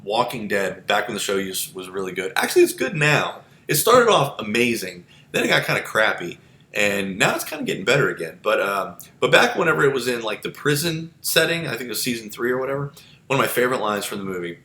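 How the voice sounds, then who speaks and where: A man's voice: very animated, brisk, pushed and bright. A male psychology instructor giving a chatty, digressive lecture full of asides and fillers. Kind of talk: informal recorded lecture. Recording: echoey room with low rumble.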